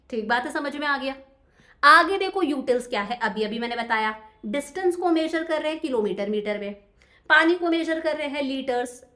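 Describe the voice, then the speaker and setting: Young female teacher, high voice, animated, chatty lecture style. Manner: chatty, addresses students directly with repeated check-ins.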